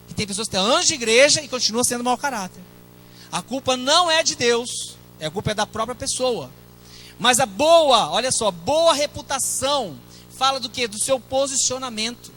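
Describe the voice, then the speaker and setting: A man's voice: extremely high pitch, pushed and bright, slight background noise, low-quality recording. A middle-aged man with a Brazilian Portuguese accent, a pastor preaching a sermon in a conversational way, with asides to the congregation.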